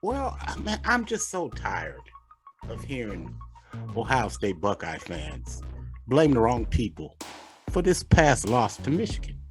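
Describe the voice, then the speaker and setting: A man co-hosting a sports talk show, animated and repetitive as he runs through picks. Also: mid-range voice, measured pace, faint music behind. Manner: animated hype, repeating words and phrases.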